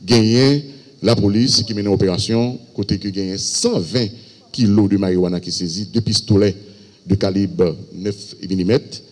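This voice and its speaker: A man with a Haitian accent speaks as a police spokesperson, reading out cases in a halting, stop-start way. His voice sits fairly low. The room around him rings with a long, echoey hall reverb. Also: darkish tone. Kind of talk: press briefing.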